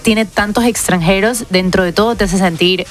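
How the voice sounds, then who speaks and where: A woman's voice: medium pitch, normal speed. Woman with an Ecuadorian accent chatting. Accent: Ecuadorian Spanish. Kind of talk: casual chat. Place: radio studio.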